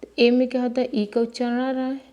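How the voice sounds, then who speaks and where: A woman teacher giving a spelling lesson, slowly spelling names out letter by letter. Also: fairly high pitch, level tone, warm tone.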